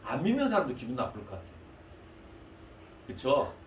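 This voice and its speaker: Animated pastor in an echoey church. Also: male voice, medium pitch, moderate pace, a little hiss or hum. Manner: animated, addresses the congregation directly with questions. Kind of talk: sermon. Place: church hall. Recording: echoey hall, mic at a distance.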